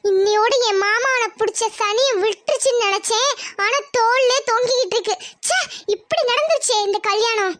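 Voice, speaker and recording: A woman's voice: very high voice, brisk, fairly bright tone. A woman voicing a scheming, spiteful young woman in a cartoon, grumbling bitterly. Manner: sour, plotting, grumbling. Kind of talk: Tamil cartoon voice acting.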